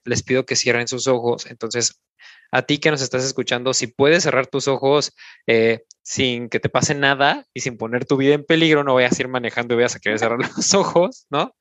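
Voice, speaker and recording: In instructive podcast talk, a man with a Mexican accent coaches listeners through an exercise one step at a time, often adding a questioning "¿no?" to his sentences. His mid-range voice is a bit bright, with no room sound.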